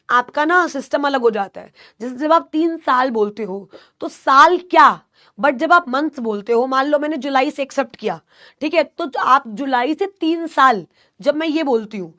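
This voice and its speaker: A woman's voice: high voice, a bit bright. A young woman teaching an online class with a sore throat, drilling her students with call-and-response and teasing scolds.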